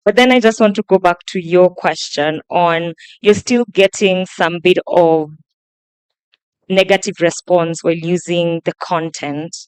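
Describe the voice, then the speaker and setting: A woman in her thirties moderates a live panel, passing on audience questions with plenty of "um"s. Her voice is smooth and mid-pitched. The sound is dry and close. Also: steady tone, a little slow, no echo. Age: 30s. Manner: warm-up fillers, relaying questions.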